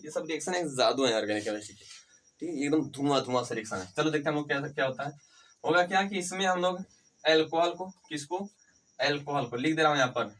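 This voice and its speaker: A man with a fairly high voice teaches chemistry at a board. He keeps asking his students questions, answers them himself, and repeats the terms so they stick. His tone stays encouraging, and the mic sits a little away from him. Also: animated, quick pace, a bit bright, far from the mic, rough recording. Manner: encouraging, addresses students fondly. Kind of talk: whiteboard lecture.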